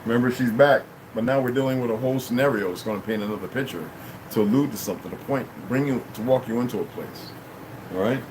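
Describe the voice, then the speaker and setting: A man with a medium-pitched voice talks fast while hosting a livestream in a room at home. His chat is casual and meandering, full of thanks to donors and frequent "you know what I mean" questions, with an air conditioner humming steadily nearby.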